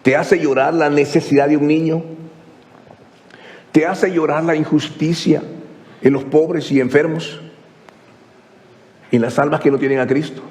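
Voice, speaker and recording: A male pastor preaching a sermon, asking rhetorical question after question and swinging from hushed to exclaiming. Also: fairly high pitch, steady tone, unhurried, pauses often, in a large hall. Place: church.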